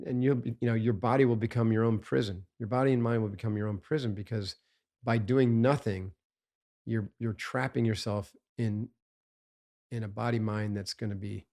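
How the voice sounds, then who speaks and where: A man's voice: fairly low pitch, vocal fry, darkish tone. A man, a guest on a podcast interview, talking in an emphatic coaching tone and often asking "right?".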